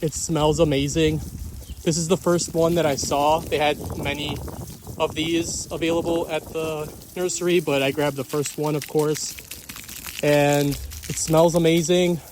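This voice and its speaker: Casual garden vlogger, male, mellow tone, excitable and gushing, outdoor phone audio. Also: on the high side, measured pace, a little hiss or hum. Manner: enthusiastic, repeats praise words.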